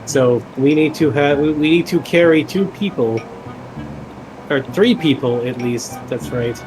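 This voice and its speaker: A man's voice: fairly high pitch, a little slow, over music, natural voice, poor audio. A man voicing a small shapeshifting adventurer with an aquatic form, musing in a hesitant way. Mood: pondering.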